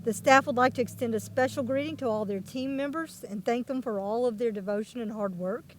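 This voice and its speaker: Female co-announcer with a slightly high voice and a brisk, plain read. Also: a little hiss or hum, poor audio. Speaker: parade broadcast co-announcer. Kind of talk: reading sponsor greetings.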